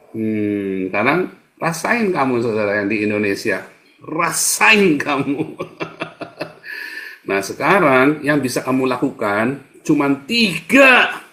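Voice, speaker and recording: A man in a ranting monologue to his viewers as a preacher, slangy and full of fillers, mocking and jeering as he swings from low muttering to shouting. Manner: casual slangy, many fillers.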